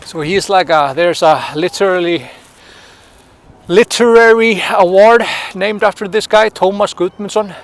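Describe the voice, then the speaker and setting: Sniffling in the cold wind by a city pond in winter, an Icelandic tour guide chats his way through a live-streamed walk. His high voice runs a little slow as he calls out to viewers by name and sometimes searches for the right word.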